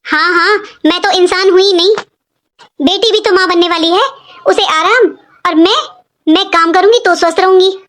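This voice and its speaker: A performer voicing a sad, pregnant young daughter-in-law who pleads and complains softly in a cartoon story. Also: extremely high pitch, moderate pace. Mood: plaintive. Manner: plaintive, pleading. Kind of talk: animated cartoon voice acting.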